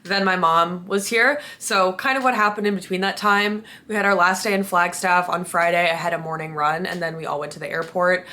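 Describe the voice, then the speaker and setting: A woman's voice: fairly low pitch, fairly even intonation, fairly quick, hardly any pauses, sharp tone. A young woman chatting casually to camera as a running vlogger, in an informal, chatty way. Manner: informal, chatty, mild swearing.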